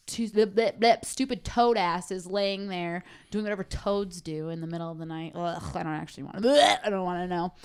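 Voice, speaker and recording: A woman's voice: medium pitch, clean tone. Young woman, podcast co-host, casual chat, heated and profane.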